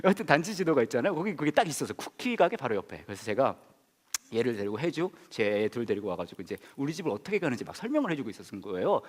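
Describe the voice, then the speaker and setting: A man's voice: medium pitch, very animated, rapid-fire. A man in his thirties, a pastor, telling a funny personal story in a sermon, acting out the other people's voices and laughing often. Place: church hall. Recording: long hall reverb.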